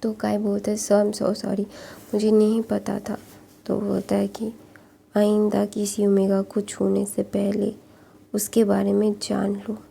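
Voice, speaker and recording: Woman storyteller, casual retelling, gravelly, very dark tone, halting with fillers and restarts. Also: medium pitch, completely flat delivery, slight background noise.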